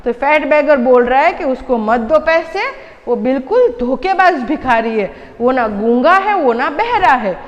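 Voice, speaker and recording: A woman's voice: high-pitched, lively intonation, unhurried, long reverb tail, dull audio. A woman teacher explaining a storybook lesson to young children, patiently translating each line and asking the class questions. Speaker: school teacher.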